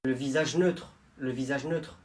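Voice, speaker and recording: A man's voice: medium pitch, unhurried, lightly acted. A man voicing a goofy young prisoner who mumbles sheepishly. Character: goofy young male prisoner posing for a mugshot.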